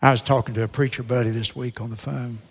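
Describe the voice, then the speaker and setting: A man's voice: medium pitch, flat delivery, breathy edge. Preaching man echoing through a church hall. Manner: dramatic preaching that swings between loud emphatic lines and hushed, slowed phrases. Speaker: pastor. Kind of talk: sermon. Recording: long reverb of a large hall.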